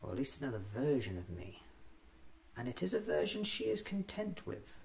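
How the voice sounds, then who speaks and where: A man in his thirties playing a quirky, curious time-travelling alien doctor who muses softly to himself in hesitant short phrases, in an ASMR roleplay. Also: medium pitch, sing-song, gravelly. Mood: musing, pleased. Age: 30s. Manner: slow, deliberate, hesitant self-musing in short phrases. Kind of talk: ASMR roleplay, soft-spoken musing to himself.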